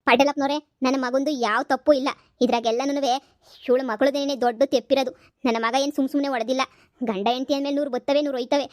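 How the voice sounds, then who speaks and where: A woman's voice: high-pitched, fairly even intonation, fast, a little mellow, dry recording, clean studio sound, close to an everyday voice. A woman voicing a rich landlord's wife in a cartoon comedy, talking in a placating but insistent way.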